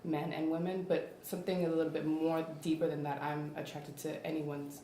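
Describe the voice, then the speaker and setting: A woman in her twenties speaking slowly and reflectively as a guest in a casual group chat. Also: low-pitched, little pitch movement. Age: 20s. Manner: slow, reflective, soft-spoken. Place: studio room with a table of friends. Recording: roomy echo, faint hiss.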